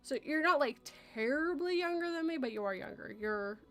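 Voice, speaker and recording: A Canadian woman in her thirties hosts a casual chat show podcast, talking loosely and laughing as she reads out chat messages. Her voice sits high with lively intonation and a fairly quick pace, with faint music behind.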